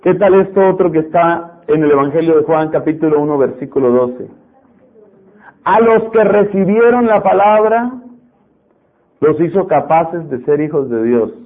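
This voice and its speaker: A man preaching a sermon, animated and repetitive, mimicking stubborn voices to make his point. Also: fairly high pitch, moderate pace. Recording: tinny phone-like radio broadcast.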